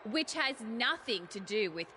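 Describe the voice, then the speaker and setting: A woman's voice: fairly high pitch, sing-song, a little slow, bright, forceful tone, a little hiss or hum, exaggerated voice. A woman voicing an arrogant young wrestler, speaking in a condescending, snide way. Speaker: talk show co-host in a wrestling game.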